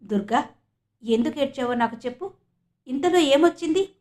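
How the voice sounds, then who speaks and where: A woman voicing a spirited, protective young woman in an audiobook, with rapid indignant questioning. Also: high voice, lively intonation. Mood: concerned.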